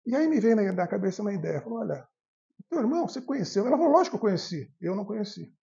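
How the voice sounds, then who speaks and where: A man's voice: high voice, sing-song, racing, gravelly, warm tone, muffled recording. A man giving a spiritist talk from the tribune, telling stories and acting out the voices in dialogues. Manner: storytelling, acts out the voices in dialogues. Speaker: spiritist lecturer. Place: spiritist center hall.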